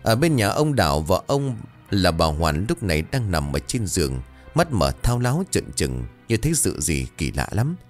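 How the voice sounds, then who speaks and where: A man's voice: low-pitched, sing-song, normal speed, hardly any pauses, soft background music. A man narrating a scripted horror story in a dramatic, suspenseful way.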